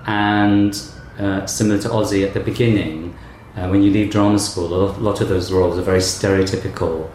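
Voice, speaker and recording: This low, fairly evenly intoned male voice belongs to a middle-aged theatre director speaking a little fast, with almost no pauses and a slightly mellow quality. During an interview he tells stories in a thoughtful, reflective manner. The room echoes, and there is faint background noise.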